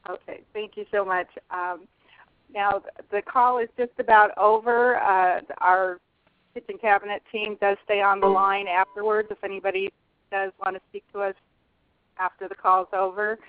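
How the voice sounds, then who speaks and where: A woman hosting a conference call, moderating questions in a polite, halting way. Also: medium pitch, flat delivery, no room sound. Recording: tinny, narrowband phone line.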